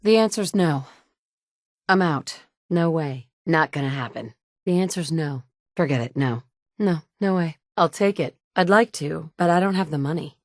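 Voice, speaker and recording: A voice actress records video game lines as the player character, a determined young mother combing the wasteland for her kidnapped son. She plays her blunt and sarcastic, in a deep, slightly mellow voice, recorded on a studio mic with clean sound and no echo.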